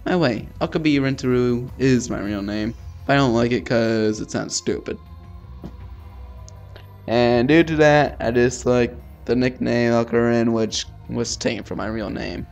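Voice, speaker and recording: Hosting a let's play, a man casually reads a visual novel aloud, stumbling over names and tossing off swear words in his asides. His mid-range voice is unhurried, with music in the background.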